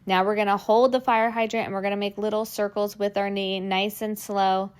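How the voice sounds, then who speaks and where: Smooth, a little fast and flat in delivery, this young woman's medium-pitched voice guides a workout class. The fitness instructor does the exercises herself while cueing moves and offering encouragement, and the strain of it comes through.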